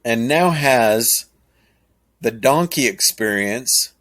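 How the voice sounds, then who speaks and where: A man's voice: mid-range voice, expressive, a bit bright. A man hosting a podcast, talking casually in a rambling, chuckling way. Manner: rambling, chuckling, slow and drawn out. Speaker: podcast host. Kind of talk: casual monologue.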